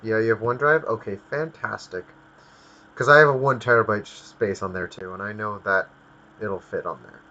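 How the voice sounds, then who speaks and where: A man's voice: lowish voice, moderate pace, pushed and bright, muffled recording, slight background noise. A man hosting a casual livestream, ranting with lots of swearing. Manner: profane ranting. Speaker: stream host.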